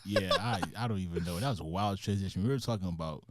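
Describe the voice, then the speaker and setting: Fast-talking, slangy podcast man. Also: low voice, heavy background noise. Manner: slangy, laughs easily, swears. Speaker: podcast co-host. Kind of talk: casual chat.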